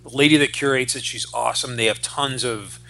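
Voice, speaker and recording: A podcast co-host in his forties chats casually and enthusiastically about comic books, swearing while he explains things. His mid-range voice runs a little fast, with vocal fry and a pushed, bright quality. Faint music plays behind him.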